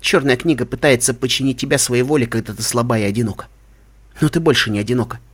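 Man doing elegant unicorn mare, firm, protective, commanding, husky. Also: mid-range voice, quick pace, close to an everyday voice.

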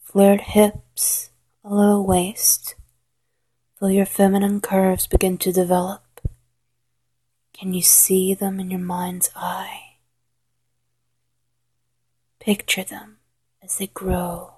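A woman whispering a slow, coaxing guided hypnosis roleplay in a soft, intimate voice. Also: medium pitch, monotone, slightly rough. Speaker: hypnosis narrator.

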